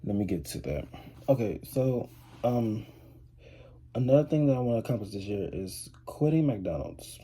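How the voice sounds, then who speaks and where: Husky-voiced teen guy rambling casually. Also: fairly low pitch, big pitch swings, moderate pace, dark tone. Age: 18, teenager. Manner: rambling, many fillers and restarts. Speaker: vlogger, high school student. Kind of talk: casual rambling chat to camera.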